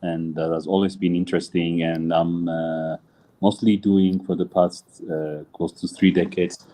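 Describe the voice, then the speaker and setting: A deep-voiced, mellow middle-aged man talks over a video call. He speaks haltingly, restarting words and filling pauses as he gathers his thoughts. The tone stays warm and unhurried. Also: flat delivery. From Ethiopia. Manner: halting, many filler sounds and restarts. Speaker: musician and music teacher. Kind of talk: casual interview chat.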